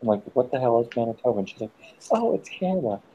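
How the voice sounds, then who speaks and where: Speaking quickly with big swings in pitch, a man from the United States rambles through a profanity-laced story in a relaxed group voice chat. He pauses at times to snap at interrupting friends. His mellow, medium voice comes through dull lo-fi audio with slight background noise.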